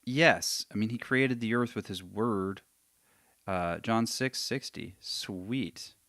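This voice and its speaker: A man's voice: lowish voice, takes it slowly, a bit bright, no room sound, studio quality. A man hosting a live question session, casually thinking aloud and reading long passages aloud with emphasis. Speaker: host answering viewer questions.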